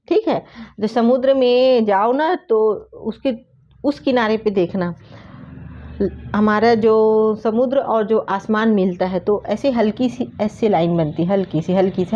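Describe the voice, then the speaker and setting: A woman's voice: mid-range voice, warm tone, muffled recording, slight background noise. A woman giving a casual hands-on hairdressing lesson, chatty and repeating key terms to drive them home. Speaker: hairdressing teacher.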